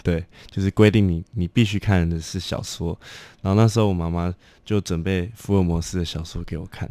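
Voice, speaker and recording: A man's voice: deep voice, steady tone, brisk, dark tone, no echo. A young man, a guest singer-songwriter chatting casually in loose, filler-filled sentences. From Taiwan. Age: young adult. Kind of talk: casual chat.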